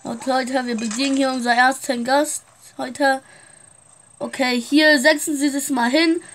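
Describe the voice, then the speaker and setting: A woman's voice: high-pitched, steady tone, a little slow, a bit bright. A woman playing a shopkeeper in a casual game roleplay, chatting straight to her viewers. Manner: chatty, keeps addressing viewers.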